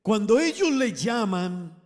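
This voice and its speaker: High-voiced preacher in a reverberant hall. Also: male voice, sing-song, slow pace, a little mellow. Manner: emphatic, swells and drops in volume, addresses congregation as brothers. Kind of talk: sermon.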